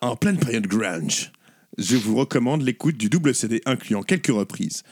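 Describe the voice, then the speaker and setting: A man's voice: medium pitch, lively intonation, moderate pace, darkish tone, pitched below the performer's own voice. A man putting on a Québécois accent to play a Canadian listener reading out his own letter, in a hammy, over-the-top way. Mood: mock-solemn. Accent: Québécois, put on.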